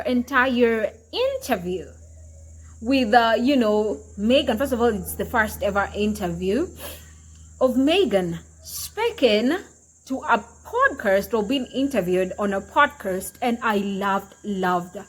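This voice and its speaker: A woman with a high voice delivers opinionated commentary. She is emphatic and repetitive, peppering her talk with fillers. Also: poor audio. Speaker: commentary vlogger.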